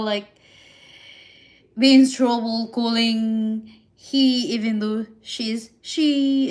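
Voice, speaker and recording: A woman from the Philippines hosts a live stream, casually reading and answering viewer comments in halting English that she frequently restarts. Her accent is Filipino, shaped by her first languages, Visayan and Tagalog, and her voice sits in the mid range.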